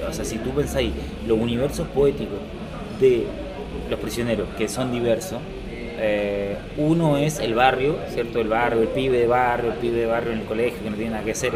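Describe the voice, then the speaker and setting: A man's voice: mid-range voice, rough recording. A man, co-hosting a casual podcast discussion and thinking aloud with many fillers. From southern Chile. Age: 30s. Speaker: podcast co-host.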